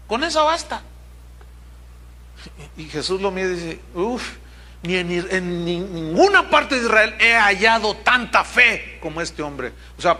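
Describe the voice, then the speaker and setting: A male pastor preaches with animated energy, acting out the people in his stories. His voice sits high for a man and rings bright and forceful. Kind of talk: sermon.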